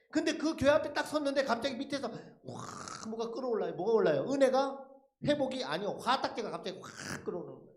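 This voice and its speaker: A man giving a dramatic testimony at a church service, telling his story with rhetorical questions thrown to the congregation. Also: high-pitched. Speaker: lay speaker giving a testimony. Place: church sanctuary. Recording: echoey church hall.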